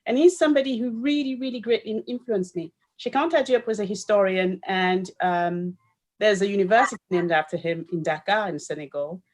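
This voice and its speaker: A raised woman historian speaks in a reflective conversational way, pausing often with fillers as she builds her ideas. Her voice sits at a middle pitch. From Cameroon, raised in Paris. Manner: thoughtful, searching for words with fillers. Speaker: historian and author. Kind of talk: conversational discussion.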